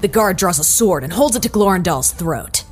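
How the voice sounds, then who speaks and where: A woman's voice: on the low side, expressive, moderate pace, music in the background, natural voice, rough recording. A woman playing a game master in an audio drama, narrating theatrically with flustered asides.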